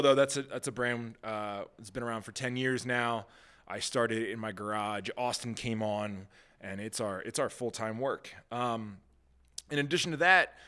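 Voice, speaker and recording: A man's voice: medium pitch, fairly bright tone, clear, resonant tone. A man in his thirties hosting a casual podcast, rambling and laid-back, laughing easily. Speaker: podcast host. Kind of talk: casual chat.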